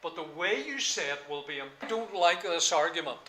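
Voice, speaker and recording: Older man lecturing, halting. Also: on the high side, animated, sharp tone, slight background noise. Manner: halting with many fillers, then emphatic. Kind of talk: classroom lecture. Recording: echoey lecture room, faint ambience.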